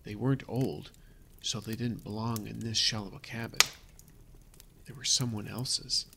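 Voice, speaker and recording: A man voicing a freezing, failing survivor, gravelly. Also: fairly low pitch, steady tone, noisy background. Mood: grim, weary. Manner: halting, self-correcting, fading into whispers. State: exhausted and shivering with cold. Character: freezing, frightened man writing his last journal. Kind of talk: audio drama reading of a survival journal.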